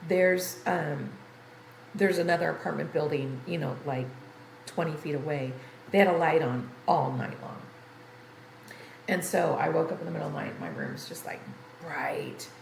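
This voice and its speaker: Speaking from an apartment room, this older game livestreamer rambles conversationally to her viewers in a lowish, gravelly voice. She sounds tired and congested, with roomy echo and faint background noise around her.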